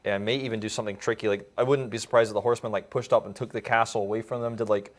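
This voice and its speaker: Male esports commentator, quick delivery, casual chatter, filler words. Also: fairly low pitch, fairly even intonation. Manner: chatty, fast, lots of fillers and jokes. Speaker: esports caster.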